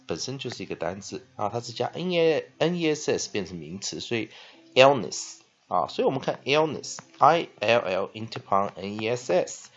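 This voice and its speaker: A man with a Taiwanese Mandarin accent teaches English words in a lowish voice whose pitch swings widely. He spells out letters, repeats each word slowly, and leans on "ah" fillers. The recording is muffled and lo-fi. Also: fairly bright tone, slightly rough. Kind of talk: classroom-style vocabulary lesson. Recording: dull lo-fi recording.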